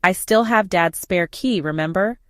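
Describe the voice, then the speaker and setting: A woman's voice: lowish voice, moderate pace, no room sound, studio quality, natural voice. A woman reading the lines of a grim, blunt middle-aged aunt who is a nurse, in a storybook reading. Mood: calm.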